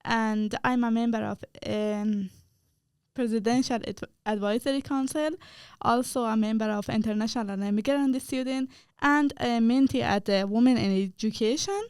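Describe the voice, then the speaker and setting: Student guest: young woman from Afghanistan, hesitant and halting, fairly high, clean and dry sound. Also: darkish tone, smooth, no echo. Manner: hesitant, many fillers and restarts. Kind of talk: casual podcast interview.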